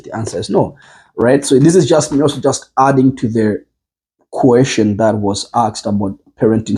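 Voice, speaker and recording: A man in a casual group discussion, leading it and reflecting on parenting in a measured way, with frequent ums and restarts. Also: mid-range voice, warm tone, slight background noise, rough recording. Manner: measured, thinking aloud with many ums and restarts.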